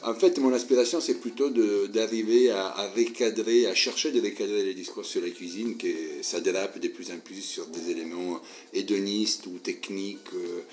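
An Italian-accented man answers interview questions in French, hesitating with frequent fillers and restarts. His voice sits very low, with a faint room ambience behind it. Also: steady tone, moderate pace, a little hiss or hum. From Southern Italy. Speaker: guest interviewee. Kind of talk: casual interview.

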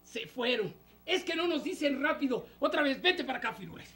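A woman with a Mexican Spanish accent performing a children's puppet show, playful and animated as she quizzes and coaxes a young audience. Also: high voice, brisk, a little hiss or hum.

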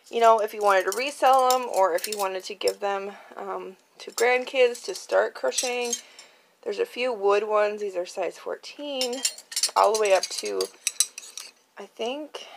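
Speaking slowly in a mid-range voice with vocal fry, this woman hosts a chatty show-and-tell for her craft channel, previewing auction items. Background noise comes through the handheld phone she records on at a card table at home, and she sounds informal and tentative, thinking aloud.

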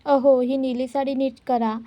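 A woman's voice: sits high, level tone, moderate pace, dry recording, dull audio, close to an everyday voice. A woman reading the lines of a cheerful, hopeful young wife with an eager, upbeat manner.

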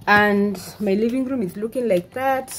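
A woman's voice: medium pitch, moderate pace. A woman in her twenties chatting casually in a home vlog, with frequent "uh" fillers, recorded in her living room. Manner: chatty, with many "uh" fillers and restarts. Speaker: vlogger.

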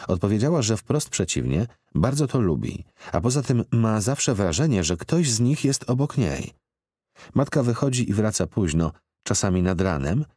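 A man narrating a literary audiobook in a measured, expressive reading. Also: low-pitched, dry recording. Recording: dry close studio recording.

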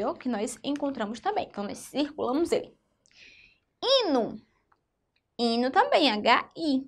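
A woman teaching a phonics lesson to young children in Brazilian Portuguese. She is patient and keeps asking the class if they follow. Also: high-pitched. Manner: patient, checks in with "tá vendo?" and "certinho?". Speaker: primary school teacher.

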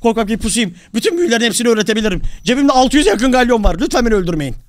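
A man voicing a cowardly, panicky young male character in a game role-play, begging in a shrill rush. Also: big pitch swings, racing, no echo, studio quality. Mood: panicked pleading.

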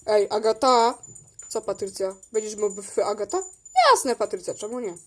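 A woman voicing a whole cast of toy figures in a bickering role-play, jumping between shrill shouting and soft low voices. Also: fairly even intonation, brisk. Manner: switches between shrill squabbling voices and low quiet ones. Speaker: toy video creator voicing all figures.

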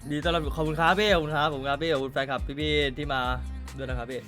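A man's voice: fairly high pitch, fairly even intonation, racing, a bit bright, faint music behind. A man streaming a game and chatting casually with viewers, ranting crudely with lots of swearing and laughter. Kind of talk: casual livestream chat.

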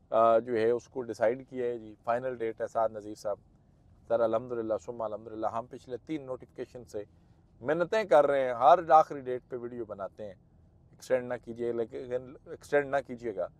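A man's voice: medium pitch, darkish tone. A man with a Pakistani Urdu accent giving a persuasive, emphatic sales commentary on a property site tour from a moving car. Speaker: property marketing host. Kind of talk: site-visit vlog commentary.

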